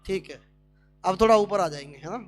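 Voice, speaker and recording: A man's voice: high voice, a little fast, faint music behind. A man teaching a Sanskrit class at a speaking camp, drilling students with questions.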